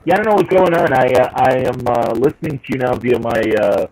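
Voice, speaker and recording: A man's voice: medium pitch, animated, quick pace, darkish tone. A man co-hosting a podcast remotely, his voice coming through a crackly, staticky call connection as he rambles with jokey asides. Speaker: podcast co-host. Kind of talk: casual chat. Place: home, joining remotely by video call. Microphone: earpiece headset on a remote call.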